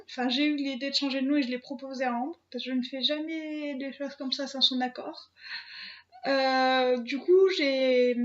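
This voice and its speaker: High-voiced young French woman vlogging. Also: dull audio. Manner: hesitant, many fillers and restarts. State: emotional, near tears. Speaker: channel host. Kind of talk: casual vlog talk to camera.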